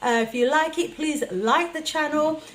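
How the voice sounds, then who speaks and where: A woman's voice: sits high, normal speed, a little hiss or hum. A woman radio host giving an earnest, emphatic motivational address to her listeners. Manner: earnest, emphatic, preaching to family.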